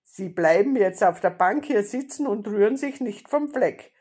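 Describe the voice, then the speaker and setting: A woman voicing a gruff, bossy male robber in a storybook reading, barking commands and growling threats. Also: medium pitch, expressive, normal speed, dark tone, pitched above the performer's own voice. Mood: gruff, threatening.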